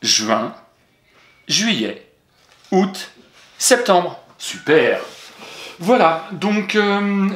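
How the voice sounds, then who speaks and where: A man's voice: sits high, sing-song, very slow, long pauses, a bit bright. Patient man teaching spelling, roomy sound. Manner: patient and encouraging, spells out letters. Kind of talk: spelling lesson for a young pupil. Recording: roomy echo.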